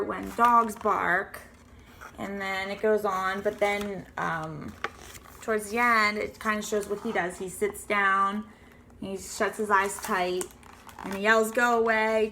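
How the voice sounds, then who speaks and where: A woman's voice: medium pitch, bright, forceful tone, slight background noise. A woman in her thirties giving an earnest, prepared children's book review to camera, explaining steadily with the odd um. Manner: earnest, explanatory, occasional ums.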